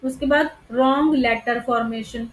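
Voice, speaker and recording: A woman's voice: fairly high pitch, steady tone, a little slow, reverberant, a little hiss or hum, rough recording. Patient woman teacher explaining exam answers. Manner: mixes Hindi with English terms, explains step by step; checks in with listeners often.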